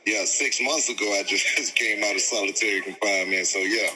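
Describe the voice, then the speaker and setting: A man, an interview guest who speaks in a measured, halting way and searches for words. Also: lowish voice, bright, forceful tone, long reverb tail, faint music behind, low-quality recording. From Miami, Florida. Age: 40s. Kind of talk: conversational interview.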